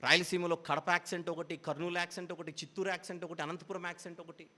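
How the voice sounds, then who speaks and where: A man's voice: high voice, flat delivery, quick pace, bright, forceful tone, big-room sound. A man preaching a Bible teaching sermon, explaining patiently with repeated parallel phrases.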